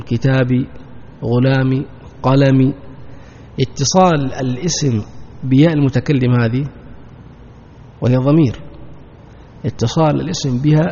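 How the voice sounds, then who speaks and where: A man's voice: on the high side, warm tone. A man teaching a grammar lesson, who asks his students questions and answers them himself, repeating the key terms. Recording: dull lo-fi sound in a long-echo hall.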